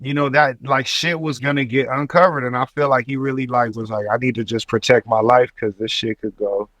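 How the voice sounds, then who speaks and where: A man's voice: mid-range voice, fairly even intonation, a little fast, fairly bright tone, no echo. A man in casual hip hop chat, rambling and slangy, repeating his words. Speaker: podcast co-host.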